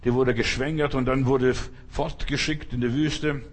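A man's voice: mid-range voice, steady tone, normal speed. A man preaching a fervent sermon, repeating his points and calling out Hallelujah.

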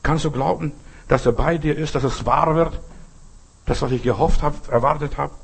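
Male preacher with a deeply gravelly, fairly high voice; slow, pleading sermon built on repeated questions. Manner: insistent, repeated rhetorical questions; slow, pleading address to the listener. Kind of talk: devotional sermon.

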